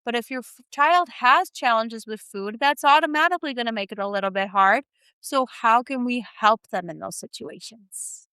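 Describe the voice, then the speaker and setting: Speaking alone, a woman feeding therapist offers parents practical, encouraging advice in a warm, animated teaching style. Her voice sits on the high side, smooth and at a moderate pace, with no echo.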